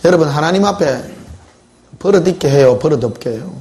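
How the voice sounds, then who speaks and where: A man's voice: a little high, animated, brisk, a little mellow. A male pastor preaching a sermon in church, telling stories in a conversational way and putting questions to the congregation.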